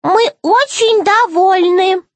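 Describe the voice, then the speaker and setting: A woman voicing a small, frightened young male gnome with a squeaky, piping voice. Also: slow pace, no room sound. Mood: meek.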